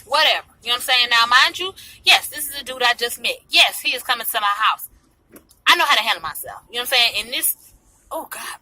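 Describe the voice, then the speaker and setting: A woman vlogging from inside a car, telling a personal story in slangy, sassy, animated casual speech, with a slight lisp from a tongue piercing. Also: a little high, fast. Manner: slangy, sassy, mimics others' remarks. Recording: noisy car interior in traffic.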